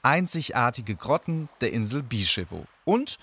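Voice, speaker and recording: A man from Frankfurt narrating a travel vlog in a scripted voice-over, telling the story in a lively way. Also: medium pitch, normal speed, a little hiss or hum. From Germany, Frankfurt.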